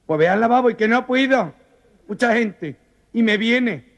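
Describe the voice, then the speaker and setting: A man's voice: very high voice, expressive, normal speed, pitched above the performer's own voice. A man voicing a camp, fussy, gushing man with squealing sing-song exclamations. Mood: fretful.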